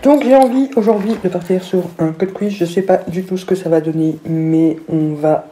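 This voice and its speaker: Middle-aged woman, slushy lisp on s, slightly low pitch, very mellow tone, relaxed tutorial chat. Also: a little fast, faint music behind. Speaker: beauty vlogger. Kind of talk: casual makeup tutorial chat. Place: small room at home, indoors.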